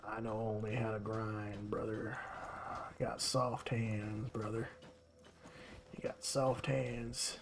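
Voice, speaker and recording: A man voicing a gruff male laborer with a Southern US accent, talking low, quiet and drawling. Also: level tone, slow pace.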